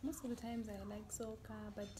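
A woman, a guest in a casual interview, who answers briefly and softly and mixes in Shona. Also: a little high, steady tone, brisk, slight background noise.

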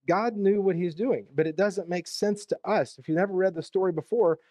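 Male pastor, Southern US accent, warm mellow tone, dry close sound, expository sermon with casual asides. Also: sits high, fairly quick, dry recording. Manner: conversational, reads verses then adds plain asides. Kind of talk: expository sermon reading scripture with commentary. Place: church sanctuary.

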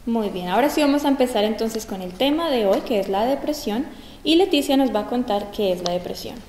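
Casting: woman host of a community health talk, mellow tone, echoey gym recording. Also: fairly high pitch, expressive, brisk. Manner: clear, guiding questions. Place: large school gym. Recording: roomy echo, long gym reverb.

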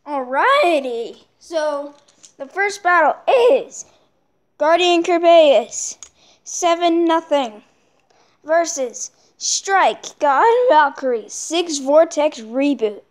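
A woman casually commenting on toy battles, excitable, yelping and correcting herself as she goes. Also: sits high, slow. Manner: excitable, with yelps and self-corrections. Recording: echoey room.

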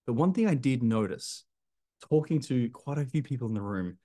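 A man's voice: medium pitch, animated, normal speed, mellow. A man, talking straight to camera as a business coach, emphatic and gesturing, calling the viewer his friend. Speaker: clinic business coach, video host. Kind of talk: direct-to-camera advice talk. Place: bright indoor apartment room by large windows.

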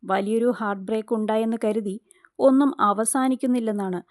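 A woman narrating a scripted entertainment news voice-over in an even, measured reading. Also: on the high side, dry recording, studio quality.

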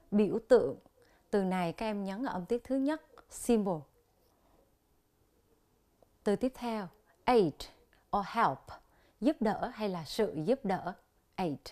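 Teaching English on television, a woman from Vietnam uses her warm, mid-range voice to slowly drill English word pronunciation, speaking with a Vietnamese accent.

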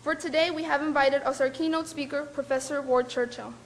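A woman's voice: high-pitched, fairly even intonation, a little fast, a little hiss or hum. A young woman, a student organizer, reading a prepared introduction of a speaker in a formal, careful way with small slips. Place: lecture hall with audience.

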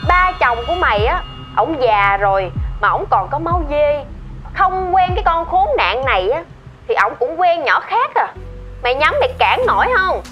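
A woman's voice: high voice, sing-song, normal speed, highs cut off, soft background music. An actress playing a brazen young mistress who taunts her friend. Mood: taunting. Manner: mocking, taunting.

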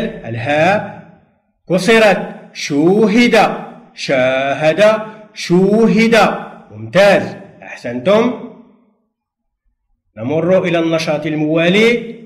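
Patient male teacher in an echoey room. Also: on the high side. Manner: patient, slow, drawn-out drilling with pauses for answers. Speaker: primary school Arabic teacher. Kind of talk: televised distance-learning lesson.

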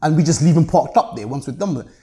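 Fast-talking British roadman, street-tough and slangy. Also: fairly high pitch, dark tone. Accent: British urban roadman slang accent. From Luton, England. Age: 30s. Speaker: interview guest, car rental business owner. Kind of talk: casual podcast interview. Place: indoor meeting room at a table.

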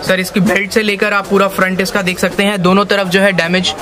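A man's voice: high-pitched, level tone, brisk. A man in his thirties giving an eager, insistent sales demonstration in a shop, repeating his selling points. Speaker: wholesale jeans seller. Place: small stock-filled jeans shop, indoors.

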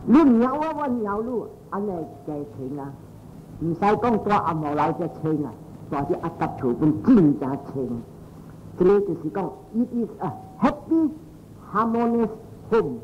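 A man's voice: very animated, normal speed, a little mellow. A Buddhist monk giving a dharma talk, telling stories and repeating his phrases in pairs, with English phrases mixed in. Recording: muffled with faint noise and low rumble.

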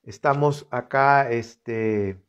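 A man's voice: medium pitch, extremely slow, clean tone, lo-fi sound. A man leading a live-streamed Bible reflection, reading scripture aloud and talking to viewers in an earnest, conversational way. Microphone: computer setup.

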